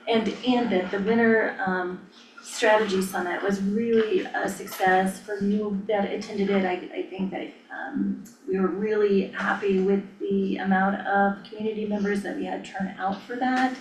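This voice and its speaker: Casting: American woman official, halting and informal, mid pitch, echoey room, away from the mic. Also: fairly even intonation. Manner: hesitant, halting phrasing. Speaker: planning staff official. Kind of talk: informal update at a public meeting. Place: indoor public meeting room. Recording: echoey room, distant mic, faint noise.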